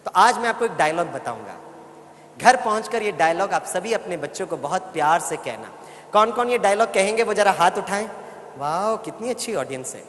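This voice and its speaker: In a large hall before a live audience, a male spiritual speaker gives a motivational talk, telling stories and having listeners repeat lines after him. His high voice swings widely in pitch, sounds a bit bright, and moves at a moderate pace. The hall is echoey, with faint background noise.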